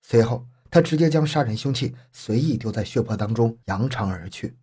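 A man tells a true-crime story as a scripted narration, measured and grave. His voice sits at an ordinary middle pitch with a husky, slightly rough edge. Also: lively intonation, warm tone.

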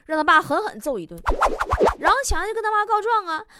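A woman hosting a comedy talk show, telling jokes in a lively way and acting out the characters. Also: very high voice, quick pace, loud music behind the voice. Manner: lively, acts out characters, laughs at own jokes. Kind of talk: comic joke-telling monologue. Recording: noisy recording.

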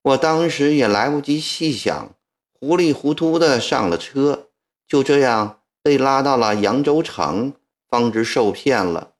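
A man voicing a soft-spoken young woman. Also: medium pitch, expressive, measured pace. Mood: sorrowful. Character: frail young woman, sold as a concubine.

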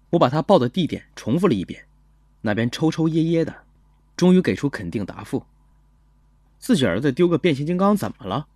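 A man voicing a young police officer who tells his story in a calm, gentle, measured first-person narration for an audio drama. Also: on the high side, dry recording, studio quality.

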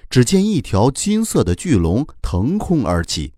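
Animated male children's storyteller. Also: mid-range voice, no room sound, clean studio sound. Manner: animated, warm storytelling, many drawn-out particles.

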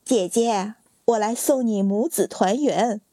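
A spiteful young noblewoman from a palace storybook, smug and cruel, with mockery in every line, as a woman narrator puts her on. The voice is mellow and a little husky, heard close and dry. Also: medium pitch, slow pace, no echo. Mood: mocking. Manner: mocking.

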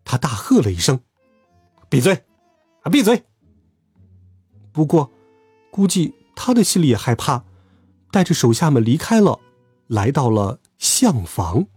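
Man reading a kids' story, husky, very animated, dry close sound. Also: medium pitch, normal speed, no room sound, soft background music. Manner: lively, expressive storytelling. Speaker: children's storyteller. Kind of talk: reading a children's story aloud.

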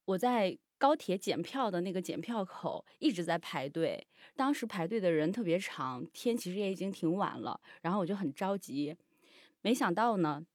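A woman recounts her own story in first person for a radio show, her pitch rising and falling in a lively, animated way. She talks in a blunt, outspoken manner, and the voice sits dry and close with no room sound. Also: no room sound.

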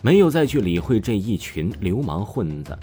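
A man's voice: fairly low pitch, sing-song, moderate pace. A man narrating an audiobook with dramatic storytelling. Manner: dramatic storytelling, voices all roles. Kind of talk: scripted narration. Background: soft background music.

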